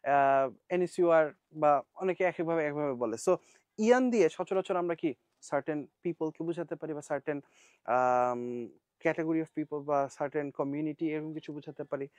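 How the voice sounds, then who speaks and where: A man's voice: on the high side, normal speed, darkish tone, dry recording. Man teaching an IELTS class. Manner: mixes Bengali and English, asks the class questions. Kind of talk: live online class.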